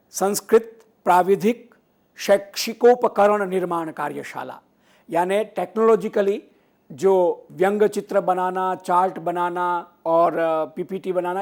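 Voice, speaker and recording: A middle-aged man giving a Sanskrit lecture, who explains patiently, repeats each phrase in three languages and stresses key words with sudden lifts in his voice. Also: high-pitched. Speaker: Sanskrit teacher. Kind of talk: educational lecture.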